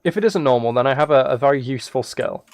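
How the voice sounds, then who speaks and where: Fast and darkish in tone, this medium-pitched male voice comes through a dry recording. He's a live streamer casually chatting as he games, reading chat, rambling and thinking out loud.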